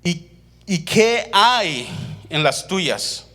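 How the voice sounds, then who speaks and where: A man delivers a testimony sermon. He tells his story animatedly, acting out the dialogue. Then he slows down to drive home his points with deliberate emphasis. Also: high voice, big pitch swings, bright, forceful tone. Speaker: preacher.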